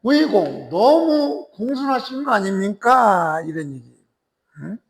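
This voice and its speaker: A man lecturing on a classical text. He explains slowly, repeats phrases, and keeps checking in with his listeners using quick tag questions. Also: high voice, sing-song. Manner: slow and deliberate, repeating and restarting phrases. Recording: echoey lecture hall with long reverb.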